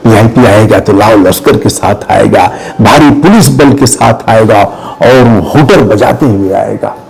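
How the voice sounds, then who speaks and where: Gravelly, husky Indian man, emphatic. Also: on the low side, a little slow, a little mellow, faint music behind, low-quality recording. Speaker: journalist guest. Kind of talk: impassioned commentary.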